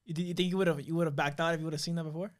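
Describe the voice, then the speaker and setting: A man's voice: on the high side, steady tone, very fast. A man in his twenties hosting a podcast, joking along in laid-back slangy banter. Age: 20s. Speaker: podcast host. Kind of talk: casual interview chat.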